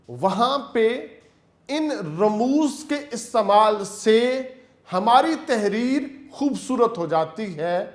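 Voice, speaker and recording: A male teacher giving an online lecture, explaining step by step in a patient way and calling his students "beta". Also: very high-pitched. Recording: echoey room.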